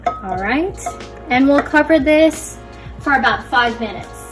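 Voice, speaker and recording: A young Filipino-American woman from the Philippines, a native Tagalog speaker who hosts a cooking channel, cheerfully walks viewers through a cooking demonstration step by step. Her voice is fairly high, and the recording is rough.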